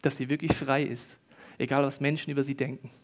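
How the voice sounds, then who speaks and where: A man preaching as a pastor, telling stories with lively swings between loud bursts and quiet, acting out the voices he quotes. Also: mid-range voice, a little fast. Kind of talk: sermon.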